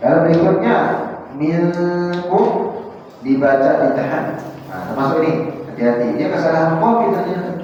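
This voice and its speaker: A man teaching Quran recitation rules in a prayer room, explaining reading mistakes and slowly chanting Arabic examples, and pausing on fillers while he thinks. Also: fairly high pitch, darkish tone, slight background noise. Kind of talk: tajwid lesson to a congregation. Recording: distant, dull and echoey in a hall.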